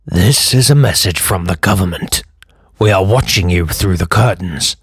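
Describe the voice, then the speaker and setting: Comedy spoof: a man as a threatening government announcer in a disguised deep voice, low and husky. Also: moderate pace, heavily acted. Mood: menacing. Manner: disguised deep voice, put on to sound as scary as possible.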